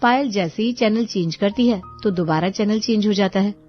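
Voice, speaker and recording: A woman telling a scripted cartoon story in an even, steady voice of middle pitch. The audio is dull and lo-fi, with background music playing softly underneath. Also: normal speed. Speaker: narrator.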